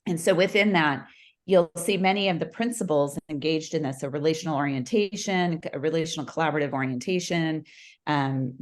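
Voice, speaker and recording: A woman with a low voice leads an informal group session as facilitator. She speaks haltingly, thinking aloud while she lays out the next step. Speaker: workshop facilitator.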